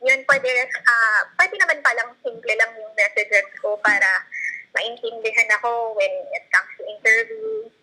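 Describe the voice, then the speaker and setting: A woman's voice: fairly high pitch, very animated, measured pace, bright, forceful tone, low-quality recording. A woman in her thirties from the Philippines, a former tutor, talking casually and hesitantly, searching for words and often laughing. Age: 30s. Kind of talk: casual conversation.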